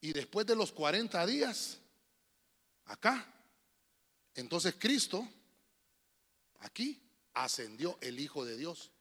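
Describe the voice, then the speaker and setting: Honduran pastor preaching, bright sharp voice, long churchy echo. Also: male voice, high-pitched. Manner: animated preaching with sudden shouted bursts. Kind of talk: sermon. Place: church sanctuary. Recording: long reverb of a church hall.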